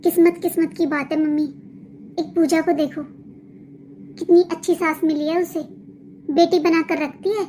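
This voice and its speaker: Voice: very high-pitched, little pitch movement, normal speed, long pauses, darkish tone, slight background noise. A voice actor playing a young daughter-in-law in a cartoon, wistfully complaining about her mother-in-law. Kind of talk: cartoon dubbing.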